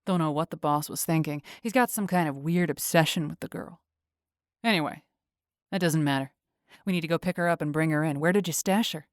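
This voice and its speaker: A scornful, dismissive henchman, as a woman narrator reads him. The voice sits a little low and sounds close and dry, with no room around it. He talks bluntly, like someone who doesn't trust anyone. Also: brisk, no room sound, lightly acted. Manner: sneering, dismissive.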